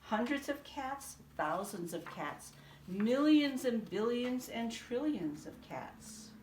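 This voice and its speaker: A woman reading a children's picture book aloud in a sing-song, expressive way. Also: a little high, slow pace, slight background noise. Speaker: storybook reader. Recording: roomy echo, from a distance.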